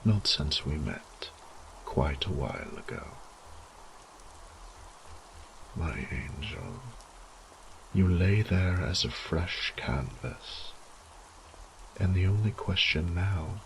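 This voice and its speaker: In the style of a horror audio drama, a man voices an ancient vampire lord, his speech very low, slow, breathy and gravelly. The exaggerated murmur carries condescending menace, possessive and mock-tenderly cruel, with a menacing calm, while the poor audio carries slight background noise.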